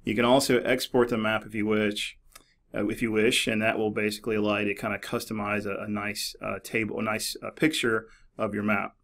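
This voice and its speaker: A middle-aged man narrating a screen-recorded tutorial in a relaxed, explanatory way, with many fillers and restarts. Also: fairly low pitch, brisk. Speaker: librarian demonstrating a database. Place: office.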